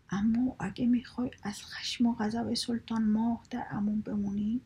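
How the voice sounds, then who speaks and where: A sly mountain goat pretending to be a royal messenger, slow and hushed but commanding, as a woman puts him on in a children's storybook. The voice sits low and gravelly, with a dark, husky, breathy tone. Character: male mountain goat posing as the moon king's envoy, sly and stern.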